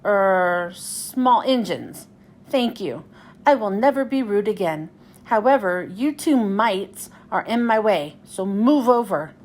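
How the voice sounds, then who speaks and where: Woman voicing Cranky, an animated, bossy crane. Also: mid-range voice, takes it slowly. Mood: grudging. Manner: bossy, complaining. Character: bossy, cranky male dockside crane, grudgingly apologetic.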